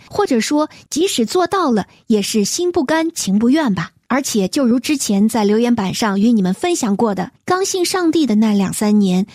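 Gentle, mellow-voiced woman radio host. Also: on the high side, dry recording, studio quality. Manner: gentle, measured, reads letters aloud. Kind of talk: reading listener letters on a faith program.

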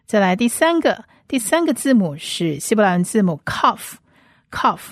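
A woman teaching a slow, step-by-step language lesson, patiently repeating each sound several times. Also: medium pitch, big pitch swings, a little mellow, no echo, clean studio sound. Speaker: Hebrew teacher.

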